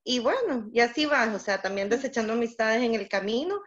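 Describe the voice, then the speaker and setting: A woman's voice: fairly high pitch, expressive, a little fast. Reflective woman, muffled recording. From El Salvador. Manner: reflective, talks in loose rambling sentences. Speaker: guest. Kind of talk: casual chat. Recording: dull lo-fi audio.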